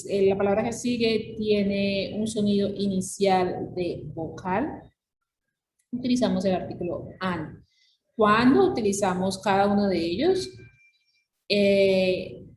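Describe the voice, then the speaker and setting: A woman's voice: medium pitch, a little mellow. A woman English teacher, patiently going over students' written mistakes and checking in with "ok?". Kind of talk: recorded feedback lesson. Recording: roomy echo, faint background hum.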